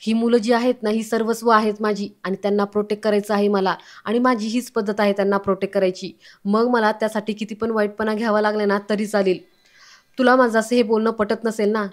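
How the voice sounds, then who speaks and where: A woman's voice: medium pitch, little pitch movement, fairly quick, lightly acted. A woman reading the lines of a protective, emotional adult woman in an earnest, pleading tone.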